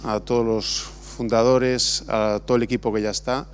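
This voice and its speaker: Speaking at an awards ceremony in a big exhibition hall, a middle-aged architect from Spain accepts his award casually, with many fillers and false starts. His mid-range voice has little pitch movement and a clean tone, and he speaks at a normal speed.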